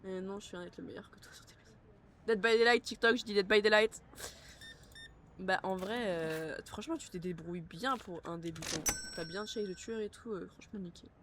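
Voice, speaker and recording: A woman's voice: medium pitch, fairly quick, fairly bright tone, a little hiss or hum. A woman streaming a game live, chatting casually with her viewers and breaking into playful bursts of panic. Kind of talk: casual live-stream chat while gaming.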